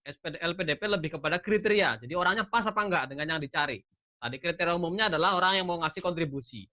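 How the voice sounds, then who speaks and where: A man's voice: a little high, racing, bright, forceful tone. A man talking casually as a guest, giving earnest advice and explaining step by step, often asking himself rhetorical questions. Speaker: scholarship awardee guest.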